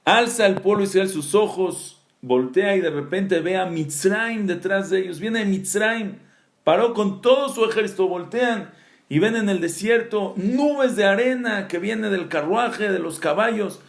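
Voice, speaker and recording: A male rabbi giving a Torah lesson as animated storytelling, reciting Hebrew verses and then explaining them. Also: sits high, unhurried, roomy sound.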